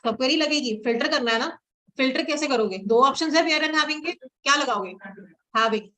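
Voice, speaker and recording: A woman with a high, sharp voice teaches SQL at a moderate pace in a screen-recorded live coding lesson, switching between Hindi and English. She quizzes her students as she types queries, and the recording is rough.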